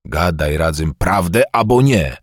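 A man's voice: sits low, lively intonation, measured pace, no room sound, clean studio sound. A man voicing a stern medieval lord who talks in an urgent, insistent way. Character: stern older male Slavic lord, forceful.

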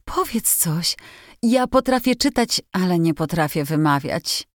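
A woman's voice: on the low side, lively intonation, unhurried, dry recording, studio quality. A woman voicing a spirited, blunt teenage girl in a storybook reading, asking eager questions.

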